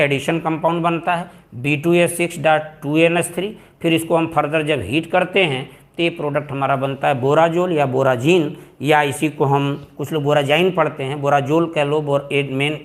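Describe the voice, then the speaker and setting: A male chemistry teacher lecturing students, repeating key terms and stressing what is important, calling them "beta" and mixing English words into his speech. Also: fairly high pitch. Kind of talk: classroom lecture.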